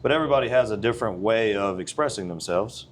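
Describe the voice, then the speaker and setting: Man, 40s, gym owner as interview guest; lowish voice, blunt and earnest, faint noise behind. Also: fast. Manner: blunt, earnest, plain-spoken. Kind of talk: casual interview conversation.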